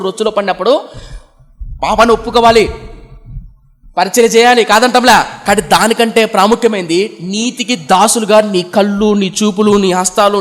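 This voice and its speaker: A man's voice: sits high, in a large hall. A man preaching a sermon, asking the congregation rhetorical questions and answering them himself in an emphatic, repetitive cadence.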